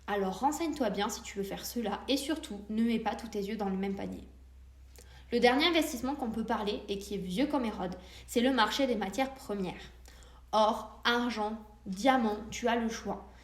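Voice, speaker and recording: A woman's voice: a little high, roomy sound. A woman hosting a solo podcast, explaining investments step by step and speaking directly to the listener in a friendly way. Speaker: podcast host.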